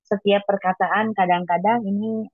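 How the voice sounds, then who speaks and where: A woman giving an informal devotional teaching to colleagues, in a blunt and habitually loud, high-toned manner. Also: steady tone, moderate pace, no room sound, narrow, tinny audio. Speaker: devotional reading leader.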